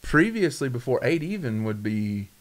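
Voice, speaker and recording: A man's voice: mid-range voice, sing-song, moderate pace. A man, hosting a casual fishing podcast, talking emphatically and repeating himself. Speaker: podcast host. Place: wood-paneled studio room. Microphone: boom mic on desk arm.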